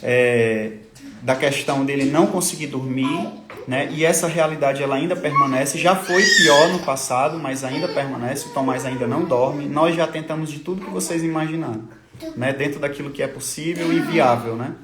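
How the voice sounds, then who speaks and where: A man, a father, telling his family's hard story in a halting, tearful way, often repeating his words. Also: on the high side, a crowd in the background. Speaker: father of a sick child. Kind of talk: emotional personal testimony on a livestream. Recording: echoey room.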